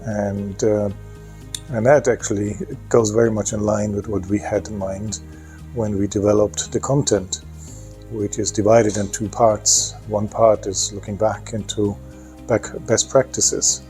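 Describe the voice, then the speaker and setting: A man's voice: lowish voice, flat delivery, unhurried, a little mellow, soft background music. A man speaking as an expert in a project promo, hesitant, with many ums and restarts. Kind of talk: talking to camera in a promo clip.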